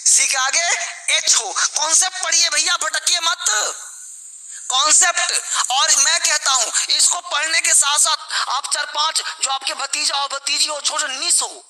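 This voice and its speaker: A man's voice: very high voice, steady tone, measured pace, bright, forceful tone, rough recording. A man teaching English pronunciation, drilling words aloud with motivational asides. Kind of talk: spoken English lesson.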